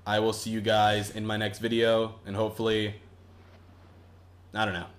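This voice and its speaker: A young man's fairly low, monotone voice moves at a moderate pace as he rambles through gameplay commentary for his YouTube channel, swearing often and restarting his sentences.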